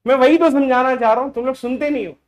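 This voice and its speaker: A man with a very high-pitched voice teaches a math class quickly and with fairly even intonation. In a casual, teasing way, he keeps hushing students, telling them to stop commenting and listen, while switching between Hindi and English mid-lesson.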